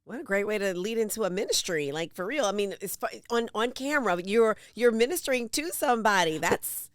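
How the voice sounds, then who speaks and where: Woman host, chatty and affirming, bright lively pitch, dry sound. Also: dry recording. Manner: chatty, affirming, quick asides. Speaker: talk show host. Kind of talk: casual interview talk.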